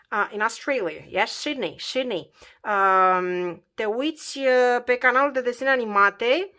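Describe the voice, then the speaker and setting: A woman teaches English in a chatty, informal way. She turns to the listener with questions and repeats words slowly to drill the sounds. The delivery is patient and unscripted. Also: medium pitch, a bit bright. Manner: conversational, addresses the learner directly with questions. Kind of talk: spoken English lesson for Romanian learners.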